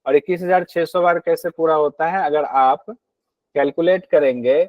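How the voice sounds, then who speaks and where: A man's voice: on the high side, moderate pace, dry recording, lo-fi sound. A man teaching a class on a yoga text, explaining patiently, repeating key points and asking his students questions.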